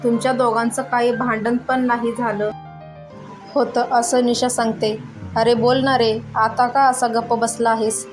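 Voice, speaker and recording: A woman's voice: a little high, measured pace, over music, close to an everyday voice. A woman voicing a grieving mother pleading with her son in a spoken story. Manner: plain, steady reading.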